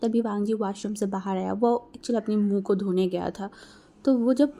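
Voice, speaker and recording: A woman's voice: mid-range voice, moderate pace, mellow. Chatty woman reading fan fiction. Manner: chatty, mixes English words into narration. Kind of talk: casual story reading. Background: faint music.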